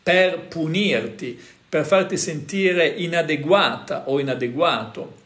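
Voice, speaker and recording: A man's voice: on the high side, slow pace, fairly bright tone, roomy sound. A man hosting a casual talk, explaining things to viewers in a conversational way, full of fillers and tag questions. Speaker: host.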